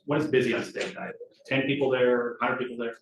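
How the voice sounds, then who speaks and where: A man's voice: medium pitch, little pitch movement, a little fast, a little hiss or hum. A man cross-examining a witness as defense attorney on a courtroom recording, with a folksy, conversational manner. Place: large courtroom, indoors. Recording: echoey courtroom, far from mic.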